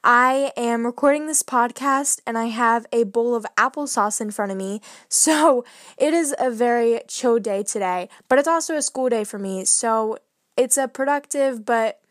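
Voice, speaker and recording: A woman's voice: a little high, normal speed, no room sound, clean studio sound. A woman hosting a casual faith podcast, reading a Bible passage and then retelling it in an earnest, wondering way. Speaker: podcast host.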